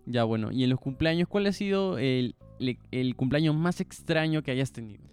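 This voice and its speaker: A young man co-hosting a podcast in casual chat, soft-spoken, joking and laid-back. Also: medium pitch, expressive, normal speed, clear, resonant tone, soft background music. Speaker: podcast co-host.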